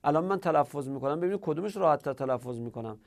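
A man teaching Arabic grammar and recitation in a classroom lecture, asking questions and answering them himself and repeating words slowly to show pronunciation. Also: on the high side, animated, a little mellow.

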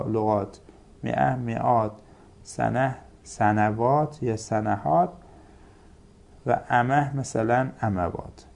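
A man's voice: medium pitch, creaky, darkish tone. A man teaching a grammar lesson, listing example words in careful paired recitation. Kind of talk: Arabic grammar lecture.

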